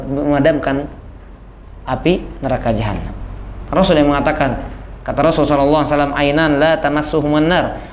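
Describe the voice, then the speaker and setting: Brief: middle-aged male preacher, slightly high voice, animated, questions the congregation often. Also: echoey room, slight background noise. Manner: addresses the men as "Pak", asks them questions, quotes Arabic and translates it; lively, swings between raised emphatic lines and low quiet ones. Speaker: Islamic preacher. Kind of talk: sermon. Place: mosque.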